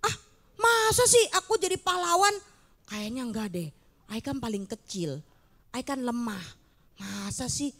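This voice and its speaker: A timid, whiny young man who keeps doubting he is up to the task, voiced by a woman telling a children's Bible story. He pleads and hesitates, asking again and again how it could be him. The voice sits high. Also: very animated, unhurried, long pauses, fairly bright tone, heavily acted. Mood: doubtful. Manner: hesitant, pleading, full of "masa sih".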